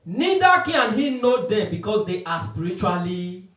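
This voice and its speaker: Emphatic high-pitched male preacher, echoey. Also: very animated, unhurried, fairly bright tone. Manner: emphatic call-and-response preaching, quoting King James scripture. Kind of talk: street sermon. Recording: echoey, from far off the mic.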